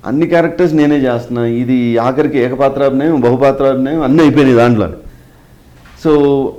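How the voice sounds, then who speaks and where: Heard through a rough recording, a middle-aged mimicry artist with a slightly high, warm voice fields interview questions. He shares career stories in an explanatory way, sprinkling English phrases throughout.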